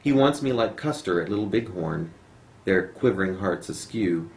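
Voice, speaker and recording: At a live reading inside a home, a poet with a low voice reads aloud at normal speed, his intonation lively. The amateur clip uses no dedicated mic, just the camera's, resulting in a roomy echo and faint noise.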